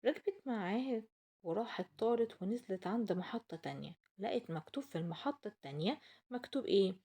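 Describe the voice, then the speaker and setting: Woman, Egyptian accent, children's storyteller, playful, swooping intonation, rough-edged tone. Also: mid-range voice, expressive, quick pace, dark tone. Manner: addresses children playfully, with rhetorical questions.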